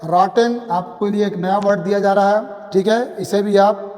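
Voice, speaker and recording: A man's voice: high-pitched, fairly even intonation, a little slow, darkish tone, long reverb tail. A man giving a grammar lesson, saying each example sentence in English and then in Hindi, repeating words to drive them home. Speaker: English teacher. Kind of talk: classroom-style grammar lesson.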